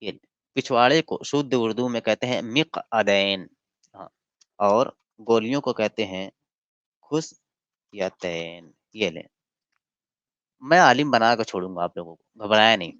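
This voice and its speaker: A man's voice: lowish voice, unhurried, long pauses, fairly bright tone, clean tone, no room sound. Man, livestream debate host, mocking, lecturing, dry dull lo-fi sound. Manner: mocking, lecturing, reads passages aloud. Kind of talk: casual livestream debate and commentary.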